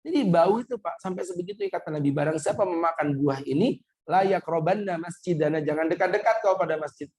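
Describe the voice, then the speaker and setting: A man's voice: fairly high pitch, fast, a little mellow, husky. A middle-aged man delivering a humorous Ramadan sermon in a mosque, addressing listeners directly and quoting Arabic scripture. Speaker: preacher.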